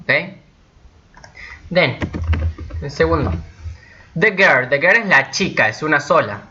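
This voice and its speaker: A man whose first language is Spanish teaching English grammar step by step, often checking in with his students and slowing down to stress each example sentence. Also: fairly high pitch, lively intonation, bright, forceful tone, a little hiss or hum. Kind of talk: recorded grammar lesson. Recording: dull lo-fi recording.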